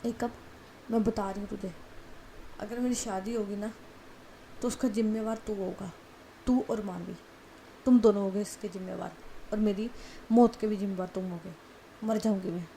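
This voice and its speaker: A woman's voice: medium pitch, fairly even intonation, moderate pace, long pauses, warm tone, a little hiss or hum, natural voice, low-quality recording. A woman voicing a frightened young bride who pleads tearfully and panics. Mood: loud distress. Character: frightened young bride desperate for her love.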